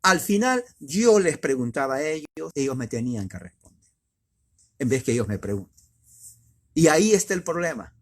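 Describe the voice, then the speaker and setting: Husky-voiced emphatic male preacher. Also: very animated, moderate pace, long pauses. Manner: emphatic, rhetorical questions, sharp swings of pitch and loudness. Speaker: preacher teaching doctrine. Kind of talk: conversational sermon.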